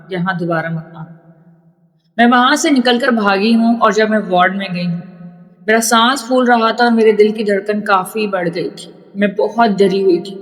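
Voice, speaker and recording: A woman host narrating a first-person horror story in a calm, steady reading voice. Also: on the high side. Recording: long reverb with soft music.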